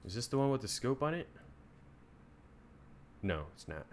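A man's voice: mid-range voice, very animated, normal speed, a little hiss or hum. Laid-back, profane male game streamer. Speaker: live streamer. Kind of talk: casual gameplay commentary.

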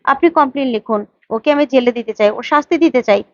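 A woman's voice: sits high, fast talker, no echo, lightly acted. A woman voicing a young wife who earnestly insists on justice, on a dull lo-fi recording. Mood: resolute. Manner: earnest, determined. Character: wronged young wife, resolute.

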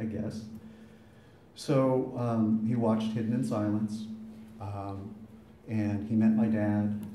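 Dark-voiced man telling a story in an echoey room. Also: on the low side. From Boston area. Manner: conversational, voice rising when quoting heated exchanges. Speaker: eulogy speaker. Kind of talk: storytelling eulogy. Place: funeral gathering in a room. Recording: echoey room with faint ambient noise.

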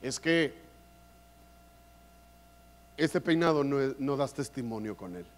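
A man's voice: medium pitch, expressive, slow pace, in a large hall. A man preaching at a church conference, joking and playful with the crowd. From Mexico. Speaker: conference speaker. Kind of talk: humorous preaching.

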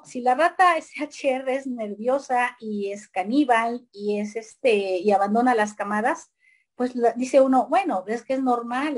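A woman gives a slide lecture in a relaxed, talkative way. Her voice sits a little high, and she pads her sentences with fillers and tag questions.

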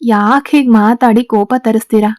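A woman's voice: fairly high pitch, steady tone, moderate pace, a little mellow, no echo, studio quality, close to an everyday voice. A woman reading as a cocky teasing gang boss. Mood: domineering. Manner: arrogant, teasing.

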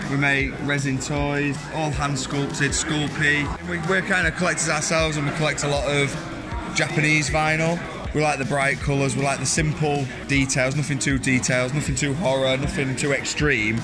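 Flat-voiced man talking over music. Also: fairly high pitch, normal speed. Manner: easygoing, joking. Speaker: toy maker. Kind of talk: casual interview. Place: indoor convention hall. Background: background music.

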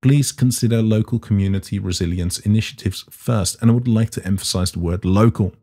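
A man's voice: on the low side, brisk, dark tone. A man narrating a casual science history explainer in a dry, irreverent way, with the odd swear word. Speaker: science video host.

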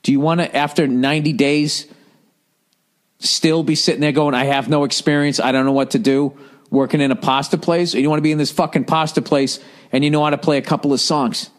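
Brisk and fairly even in intonation, this middle-aged American man hosts a podcast built around listener letters. He dishes out blunt, profane advice in a casual rant, mocking people with higher-pitched put-on voices.

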